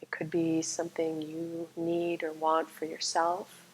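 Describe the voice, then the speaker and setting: In a low, calm voice with little pitch movement, a woman guides a meditation slowly and soothingly. Like a yoga nidra teacher, she leaves long gaps between phrases, and the low-quality recording carries a slight hiss or hum.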